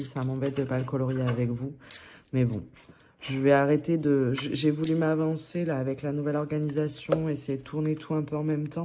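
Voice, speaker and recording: A woman vlogger chats casually to the camera about her monthly budget, going through her envelopes one by one. She is a bit hesitant and often restarts her sentences. Her extremely low, warm voice comes with a little hiss or hum.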